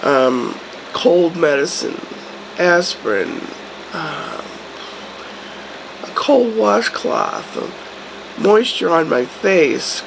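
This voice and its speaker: Hoarse, congested middle-aged woman, low and gravelly. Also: animated, extremely slow, long pauses, background noise. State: sick with a cold, congested and hoarse. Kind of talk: casual vlog chat. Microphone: phone or camera at arm's length.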